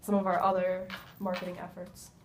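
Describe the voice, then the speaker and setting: Halting, low-toned woman in pitch practice. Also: monotone. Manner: hesitant, halting answers in a sales pitch practice. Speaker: practice client acting as a meat business manager. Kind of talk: role-played business conversation. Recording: faint rumbly background noise.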